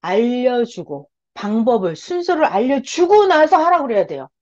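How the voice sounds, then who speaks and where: A woman Bible teacher giving an animated Bible study lesson, often putting questions to her listeners. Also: fairly high pitch, normal speed, dull audio. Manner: animated, asks the audience frequent rhetorical questions.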